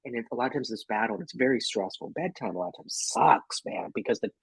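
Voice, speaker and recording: A man's voice: medium pitch, lively intonation, fast, slightly rough, no echo, low-quality recording. A man co-hosting a workshop over a video call, telling a personal story in a candid, casual way with the odd swear word. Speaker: workshop co-host.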